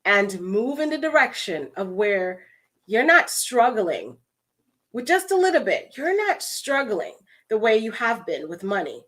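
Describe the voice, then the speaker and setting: Guyanese woman giving a motivational talk, kinda high voice, chatty and expressive, calls everyone her friends. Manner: expressive, conversational, addresses listeners as friends. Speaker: motivational speaker.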